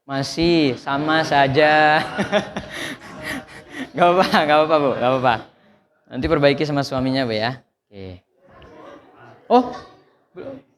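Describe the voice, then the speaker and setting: A man teaching Quran recitation in a mosque, correcting students with jokes and demonstrating each verse slowly. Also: on the high side, animated. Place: mosque hall. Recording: long hall reverb.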